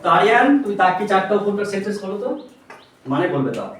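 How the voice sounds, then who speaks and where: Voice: mid-range voice, sing-song, rapid-fire, slight background noise. A patient tuition teacher leads a grammar lesson, spelling words out letter by letter and firing questions at the pupils. The voice rises and falls a great deal. It is recorded from across a small, very echoey classroom. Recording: echoey room, mic far off.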